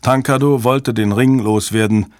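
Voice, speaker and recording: A man voicing a forceful male agency director who speaks with emphatic authority. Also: medium pitch, fairly even intonation, measured pace, no echo, studio quality, close to an everyday voice. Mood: insistent. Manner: commanding, emphatic.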